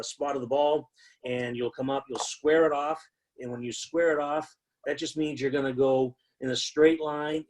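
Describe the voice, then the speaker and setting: A man's voice: mid-range voice, darkish tone, rough recording. A man teaching new football officials in a conversational way, with frequent fillers and repeated emphasis. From United States. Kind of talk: instructional talk.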